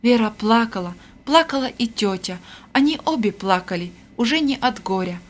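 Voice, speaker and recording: A woman reading an audiobook aloud in measured scripted narration. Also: a little high, animated, a little hiss or hum.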